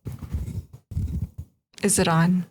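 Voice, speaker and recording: A woman's voice: fairly low pitch, flat delivery, takes it slowly, a little mellow. A woman co-hosting a podcast, joking around and asking curious questions during a ghost hunt inside a house. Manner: playful, jokey, curious. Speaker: podcast co-host.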